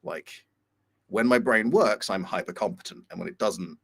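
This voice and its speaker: A man's voice: fairly low pitch, moderate pace, gravelly, a bit bright. A man on a video call, talking candidly and a little rambling in a casual chat. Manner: candid, rambling, self-deprecating. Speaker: co-host.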